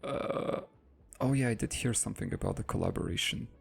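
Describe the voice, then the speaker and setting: A man's voice: fairly low pitch, fairly quick, creaky, slightly rough, soft background music. A man casually thinking aloud while playing a game and reading its text out as he goes. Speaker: gaming let's-play host.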